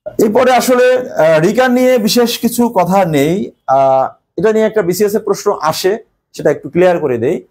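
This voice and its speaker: A male teacher explaining a grammar lesson step by step, pausing often with hesitations. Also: high voice, expressive, a little mellow.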